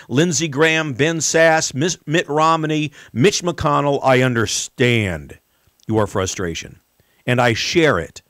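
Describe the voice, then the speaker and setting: An American man hosting a political talk show, delivering an emphatic, rhetorical monologue with deliberate pauses and repetition. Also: a little high, no echo, studio quality.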